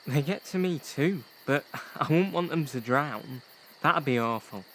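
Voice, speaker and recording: A young actor playing a sensible, good-natured teenage boy in an audio play, steady and reasonable. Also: medium pitch, measured pace, slight background noise. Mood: easygoing. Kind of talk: youth theatre audio play.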